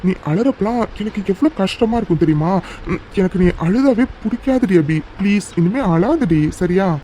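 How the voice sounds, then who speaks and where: A woman's voice: medium pitch, animated, moderate pace, warm tone, slight background noise, lightly acted. A woman doing a tender teasing young husband. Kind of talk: cartoon romance dialogue.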